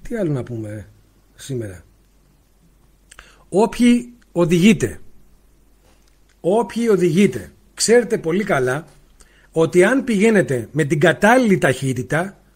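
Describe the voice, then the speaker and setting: A man giving a spiritual talk on a livestream, speaking loudly and emphatically into a faulty mic and asking rhetorical questions. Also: high voice, big pitch swings, slightly rough. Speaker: spiritual teacher. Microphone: faulty mic, spoken loudly into it.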